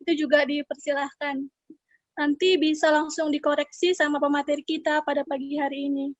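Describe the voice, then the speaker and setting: A woman's voice: high voice, level tone, brisk. A woman moderating a training session in a polite, formal manner.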